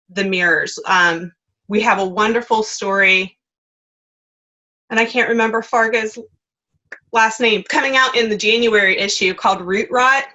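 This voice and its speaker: Bright-voiced woman editor on a call. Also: medium pitch. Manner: hesitant, frequent "um" fillers. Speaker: magazine editor and panel guest. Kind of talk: conversational panel discussion. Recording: dull lo-fi call audio.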